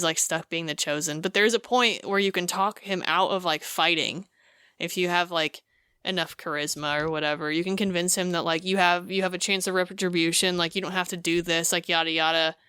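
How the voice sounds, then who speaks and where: Bright, clear-voiced woman telling a story. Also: on the low side, dry recording, clean studio sound. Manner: animated storytelling with many fillers. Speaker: podcast co-host. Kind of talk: casual chat.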